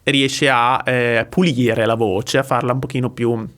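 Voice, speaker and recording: A man vocal coach talking through a song, explaining technique with frequent pauses and checks for understanding. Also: medium pitch, level tone, fairly bright tone. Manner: explanatory, often pausing with "eh" and checking with "ok?". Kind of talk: music reaction and vocal analysis.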